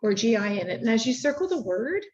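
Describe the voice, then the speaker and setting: A woman leads a one-on-one phonics lesson with short, patient prompts. Her voice sits a little high. The recording is roomy and dull. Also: big pitch swings, quick pace, a little mellow, slight background noise. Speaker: reading tutor.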